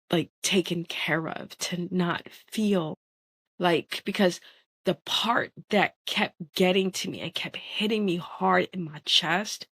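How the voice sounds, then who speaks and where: A woman with a lower-pitched voice talks in an earnest, emphatic monologue, often turning to her listeners directly. Her voice sits close and dry in the recording, with no room sound around it. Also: a bit bright, no echo. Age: adult parent. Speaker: podcast host. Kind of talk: personal monologue.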